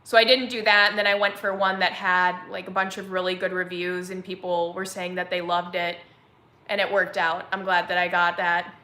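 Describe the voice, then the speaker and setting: A young woman in her twenties chats casually on a home live stream, rambling from one thought to the next with plenty of "like" fillers. Her voice is bright and forward. The room around her sounds echoey. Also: lowish voice, flat delivery, moderate pace. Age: 20s. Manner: chatty, rambling, filler-heavy with frequent "like". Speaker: vlogger hosting a live chat.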